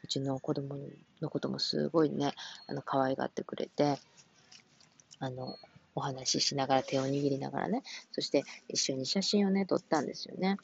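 A woman with a Kansai accent, gently telling a personal story from her work as a caregiver, with many soft fillers. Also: a bass voice, fairly even intonation, normal speed, creaky, dull audio, a little hiss or hum. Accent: Kansai Japanese. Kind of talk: casual radio-style talk.

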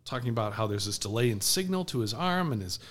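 Animated laughing man telling a story. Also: medium pitch, fast talker. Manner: animated, laughing often, crude, acts out others' lines loudly. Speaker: podcast co-host. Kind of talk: casual storytelling chat.

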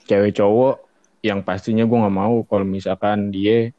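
Mellow Jakarta man chatting in slang. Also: on the low side, little pitch movement, normal speed. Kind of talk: casual group chat in Jakarta slang. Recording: roomy, slightly dull lo-fi sound.

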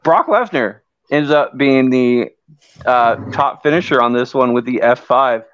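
A man's voice: mid-range voice, a little slow, fairly bright tone, smooth, no room sound, muffled recording. A man hosting a podcast in a casual, conversational way. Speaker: podcast host.

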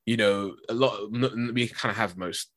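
A man talks in casual podcast chat, full of fillers and quick laughs. His voice is bright and forceful. The sound is dry and close. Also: lowish voice, dry recording. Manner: animated, laughs often, filler-heavy. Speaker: podcast host.

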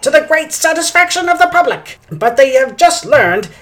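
A woman voicing a theatrical old-timey radio announcer, slow and declaiming. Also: sits high, big pitch swings, a bit bright, voice pushed up. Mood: dramatic. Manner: slow, drawn-out, declaiming delivery. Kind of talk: 1940s radio announcer reading.

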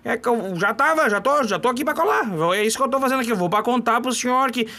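A man's voice: very high-pitched, quick pace, bright, forceful tone. A man voicing a nervous, rambling young male ranch hand in a comedy sketch, stammering and repeating himself.

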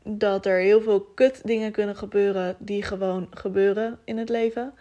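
A woman's voice: medium pitch, flat delivery, normal speed, dark tone, muffled recording. A woman hosting a personal solo podcast, talking candidly and emotionally, jumping from topic to topic with many fillers. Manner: rambling, jumps from topic to topic. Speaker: podcast host.

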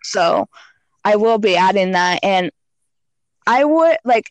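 A woman's voice: medium pitch, animated, takes it slowly, no room sound. A woman guest on a casual podcast, giving frank fitness and diet advice with lots of "like" and "you know.".

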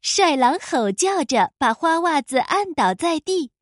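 High-voiced woman reading a children's story. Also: unhurried, no echo, clean studio sound. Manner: lively, expressive reading.

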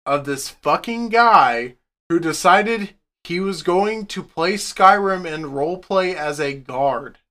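Male podcast co-host, profane ranter, very animated intonation. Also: high-pitched, slow pace. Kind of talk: casual podcast chat.

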